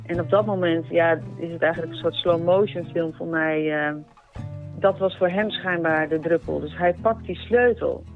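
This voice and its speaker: A woman telling a personal experience in a conversational way, halting, with many pauses, fillers and restarts. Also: fairly low pitch. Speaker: storyteller recounting a personal experience. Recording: narrow phone-like sound with faint music behind.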